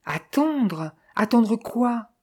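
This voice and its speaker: A reader voicing an idle, impatient young man in an audiobook, talking in a brisk way. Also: medium pitch, big pitch swings, voice pushed up, full character voice.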